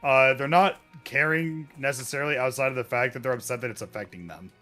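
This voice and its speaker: A man's voice: medium pitch, quick pace, pushed and bright, soft background music. A man who makes online videos, chatting casually while gaming, rambling and swearing freely. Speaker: content creator.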